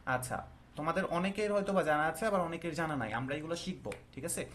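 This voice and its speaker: Male teacher, slightly higher voice, patient classroom questioning, faint noise behind. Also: fairly bright tone. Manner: explains slowly, asks the class questions. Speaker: English teacher. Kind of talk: classroom lesson.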